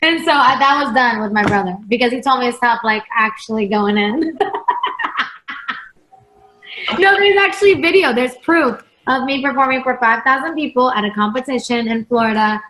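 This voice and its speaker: A woman singer being interviewed on a livestream, chatty and quick to laugh, with lots of filler "like"s. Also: on the high side, a bit bright. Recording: roomy echo.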